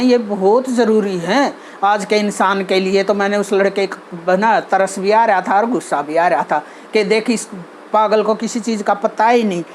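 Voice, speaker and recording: An earnest woman with a Haryanvi accent talks plainly about how people should behave, stopping often to search for words. Her voice sits in a middling range. A faint hiss runs under the recording. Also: medium pitch. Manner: earnest, repeats herself, many fillers and restarts. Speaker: channel host giving advice. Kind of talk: casual talk on social behavior.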